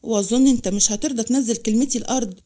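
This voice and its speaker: A woman's voice: fairly high pitch, rapid-fire, dark tone, natural voice. Woman voicing an old Upper Egyptian farmer father. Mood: calm.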